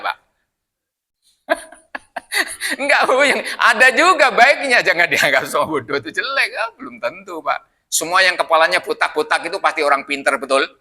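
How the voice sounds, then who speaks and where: Bright, lively older man preaching. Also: fairly high pitch. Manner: chatty, jokey, keeps asking the audience questions. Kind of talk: mosque study sermon. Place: mosque.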